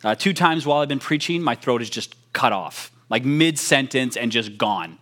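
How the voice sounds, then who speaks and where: Chatty self-mocking young pastor. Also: male voice, medium pitch, animated, normal speed, a bit bright. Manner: chatty, self-mocking storytelling with many fillers. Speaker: youth pastor. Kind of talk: casual sermon opening.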